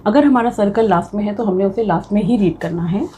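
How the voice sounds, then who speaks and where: A woman's voice: mid-range voice, quick pace, mellow, slight background noise. A young woman teaching a shorthand class, patiently explaining step by step and mixing in English terms. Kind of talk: classroom lecture.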